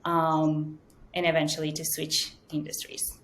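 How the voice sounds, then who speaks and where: Woman guest, low pitch, earnest interview tone, faint background rumble. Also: monotone, measured pace, fairly bright tone. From Venezuela. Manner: fluent, earnest, many ums. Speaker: guest, data science manager. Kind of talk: interview answers.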